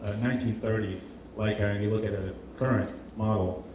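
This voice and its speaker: This designer from Portugal keeps a steady tone in a voice on the low side, moving at a fairly quick pace through an informal presentation while hesitating and repeating words to find his phrasing. The recording comes from a live hall, an echoing indoor event space, and sounds roomy, distant and noisy.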